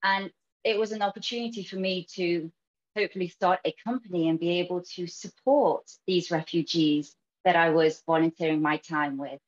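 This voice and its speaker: A woman's voice: fairly low pitch, fairly even intonation, moderate pace, muffled recording. A woman with a British accent telling her own story as a panelist on a video call, earnest and full of "um" fillers. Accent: British English. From United Kingdom. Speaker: panelist, food company founder. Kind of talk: personal story on a virtual panel.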